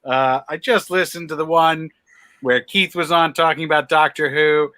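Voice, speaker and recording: A man's voice: fairly high pitch, fairly even intonation, normal speed, bright, forceful tone, no room sound. A man co-hosting a podcast, upbeat while plugging shows. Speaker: podcast co-host. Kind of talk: casual plugging.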